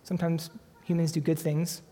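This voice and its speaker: A man preaching a sermon, earnest and emphatic, slowing down for dramatic weight on key phrases. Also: fairly high pitch, flat delivery, mellow. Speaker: pastor. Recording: long hall reverb.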